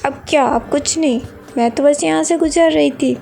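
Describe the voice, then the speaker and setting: A haughty young female student gives short, cold replies, voiced by a woman reading a story. The voice is high and dark-toned, with a gravelly edge. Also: normal speed. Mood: curt. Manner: curt, cold.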